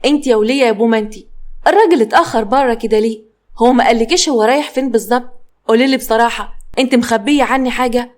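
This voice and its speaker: A woman voicing a scolding young wife with an Egyptian accent, sharp and insulting. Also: fairly high pitch, very fast, lightly acted. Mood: nagging. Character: shrill, scolding young wife who throws out her mother-in-law.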